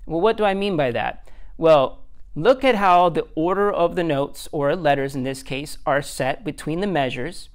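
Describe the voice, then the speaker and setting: A man's voice: on the high side, moderate pace. A man as a music teacher, giving a recorded lesson step by step, counting beats aloud in a patient, self-deprecating way.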